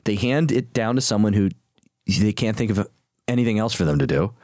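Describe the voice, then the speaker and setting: A man's voice: fairly low pitch, animated, a little fast, a little mellow, no echo. Man, casual podcast talk, wisecracking and blunt, dry close-miked sound. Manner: blunt, wisecracking, swears freely.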